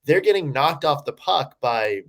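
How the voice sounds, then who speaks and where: Co-hosting a sports podcast, this man has a slightly high, fairly bright voice and speaks in an animated but somewhat slow manner. His casual analysis wanders, full of filler words and restarts.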